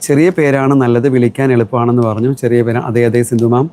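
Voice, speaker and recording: A man's voice: mid-range voice, fairly even intonation, fast, warm tone. A middle-aged man from Kerala, a shop owner chatting through a live sales stream and answering viewer comments. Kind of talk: live-stream product selling.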